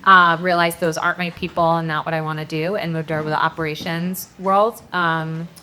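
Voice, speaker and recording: A lower-voiced woman in her thirties from Ukraine talks on a conference panel as a company CEO. She is upbeat and drops in joking asides between ums, over a faint hum of room noise. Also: flat delivery, brisk, pushed and bright.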